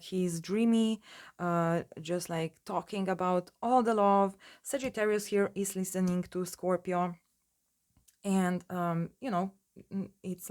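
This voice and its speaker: A woman giving a casual tarot reading in her just-woken morning voice, rambling with many fillers and restarts. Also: mid-range voice. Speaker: tarot reader.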